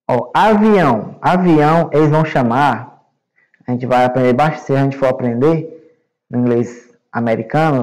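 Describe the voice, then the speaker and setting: A Brazilian male English teacher giving a recorded online class to young students, explaining slowly and patiently and checking understanding often. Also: medium pitch, darkish tone, rough recording. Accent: Brazilian Portuguese. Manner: repeats words and checks with "né?" and "certo?".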